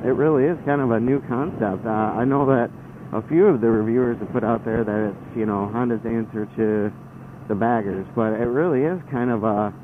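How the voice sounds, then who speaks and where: A man of average pitch talks casually from inside a motorcycle helmet, hesitating and rambling as he goes. The sound is narrow and phone-like, as from a helmet mic. A faint vehicle noise runs behind his voice. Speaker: motorcycle vlogger. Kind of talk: casual motovlog chat while riding. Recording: band-limited helmet mic, engine and road noise.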